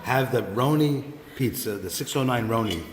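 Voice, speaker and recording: A man from New Jersey hosting a food vlog, tasting pizza and hyping it with loud bursts of excited praise in a hotel press room. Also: medium pitch, normal speed, soft background music. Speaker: pizza reviewer host. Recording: echoey hall with faint background noise.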